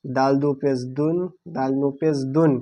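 A man teaching Quran reading with a Bangladeshi Bengali accent, spelling out letters and vowel marks syllable by syllable in a slow, deliberate lesson. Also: medium pitch, little pitch movement, dark tone, dull audio. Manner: slow, drawn-out, deliberate delivery.

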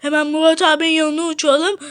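A woman's voice: high-pitched, level tone, fast talker, a bit bright. A woman giving chatty Minecraft let's-play commentary, constantly addressing her viewers. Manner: chatty, keeps saying 'friends' to viewers. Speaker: gaming YouTuber.

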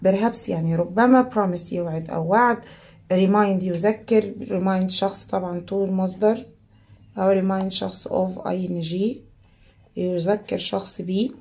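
Egyptian teacher, young woman, warm low tone, steady word-by-word explanations for students. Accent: Egyptian Arabic. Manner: explains word by word, mixing English terms into Arabic. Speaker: English teacher. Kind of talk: vocabulary lesson.

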